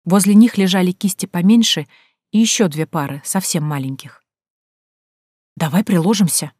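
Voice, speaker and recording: A woman reading a first-person story aloud in a measured, hushed storytelling manner. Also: lowish voice, animated, no echo, clean studio sound. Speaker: narrator. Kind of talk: first-person audiobook narration.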